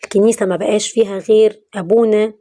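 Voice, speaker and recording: A woman with an Egyptian accent, narrating a religious story in a warm, moralizing way. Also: medium pitch, fairly even intonation, fast. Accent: Egyptian Arabic.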